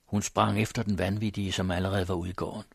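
A man narrating a classic literary story aloud in a measured, solemn manner. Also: sits low, level tone, gravelly, slightly rough, no room sound. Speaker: audiobook narrator.

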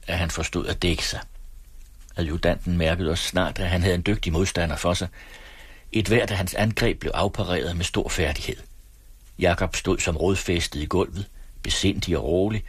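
Deep, husky male audiobook reader, dry close-miked sound, steady and measured. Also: no echo. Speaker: audiobook narrator. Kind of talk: scripted narration.

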